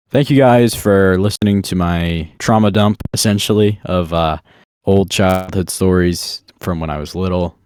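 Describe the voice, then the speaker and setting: A young man with a low, deep voice tells casual childhood stories straight to his viewers. He rambles and jokes at his own expense, and drops in plenty of fillers. The recording is dry, with no room echo. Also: darkish tone. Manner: rambling, self-deprecating, with fillers. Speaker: vlogger. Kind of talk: casual storytelling monologue.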